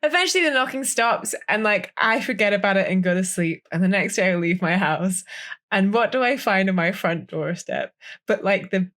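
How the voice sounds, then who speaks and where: A playful woman co-hosting a casual podcast, spinning stories with lots of "like" and restarts. Her pitch is mid-range and her delivery animated, with lively rises and falls. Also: moderate pace. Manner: playful, with frequent restarts and filler "like". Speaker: podcast co-host. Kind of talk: casual chat, storytelling.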